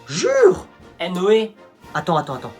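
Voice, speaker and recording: A man performing comedy sketches, playing cheeky teenagers with street slang and loud outbursts. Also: a little high, big pitch swings, moderate pace, soft background music.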